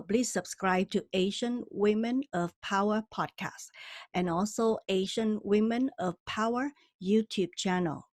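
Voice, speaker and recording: A woman's voice: mid-range voice, a little mellow, no room sound. Enthusiastic woman podcast host, dry sound. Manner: enthusiastic, halting with restarts. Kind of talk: interview hosting.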